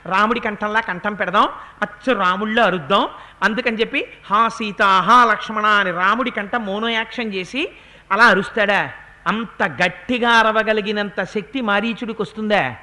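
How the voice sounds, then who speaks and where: A man giving a devotional discourse, chanting verses slowly and then explaining them with rising emphasis. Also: high voice, bright, forceful tone. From India. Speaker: religious discourse speaker.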